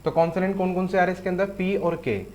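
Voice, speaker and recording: A man's voice: high voice, fast talker, a little mellow. Patient male shorthand teacher. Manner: patient, explains step by step with frequent "theek hai". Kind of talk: online lesson with board demo.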